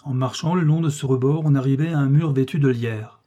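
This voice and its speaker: This man narrates a literary story as an audiobook in a measured, expressive way. His voice is medium in pitch, and the recording sounds lo-fi.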